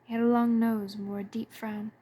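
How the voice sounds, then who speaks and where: A woman narrating a story in a soft, hushed, breathy voice, pitched fairly high yet mellow in tone. A faint hiss of noise sits under the reading. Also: level tone, fairly quick. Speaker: fan audiobook reader.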